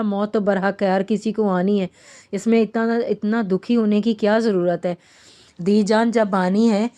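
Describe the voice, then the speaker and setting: A woman reads a romance novel aloud, carrying both the narration and the characters' dialogue in her own everyday voice. Her tone is mellow and dark rather than bright, and she sits at a middle pitch. She stumbles now and then and restarts her words. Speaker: novel reader.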